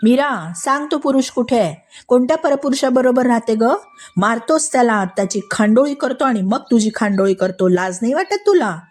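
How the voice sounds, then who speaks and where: A woman voicing an enraged royal man who shouts accusations and insults in a told story. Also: fairly high pitch, expressive, normal speed. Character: furious jealous royal man with a sword.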